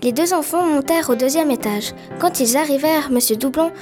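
Woman reading a kids' story out loud, high voice, little slips, soft music behind. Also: fairly quick. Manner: plain reading with small slips. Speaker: narrator. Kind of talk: amateur storybook narration.

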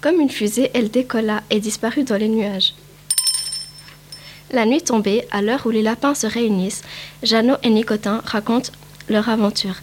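A woman reads a picture book aloud in a slightly high voice, careful and steady with small slips now and then. Plain storybook narration. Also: a little hiss or hum.

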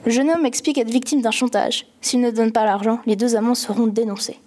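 A woman calmly reading a novel passage aloud and explaining it. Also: a little high. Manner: calm, measured reading. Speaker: reader.

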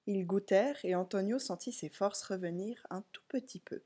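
A woman reading a picture book aloud to children, slow and clear, speaking directly to the young listener. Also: mid-range voice, dark tone. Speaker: storybook reader. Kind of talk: read-aloud story for children.

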